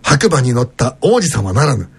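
A man hosting a casual radio show, reading a letter aloud with animated asides. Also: mid-range voice, moderate pace, vocal fry, slightly rough.

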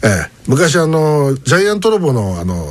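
A man hosting a casual radio chat, telling stories in a lively way. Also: on the high side, brisk, no echo. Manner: storytelling, lively, chuckling.

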